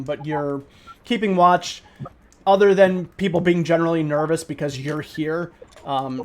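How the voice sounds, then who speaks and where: A man narrating a tabletop game as game master, relaxed and full of ums and likes. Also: on the high side, noisy background.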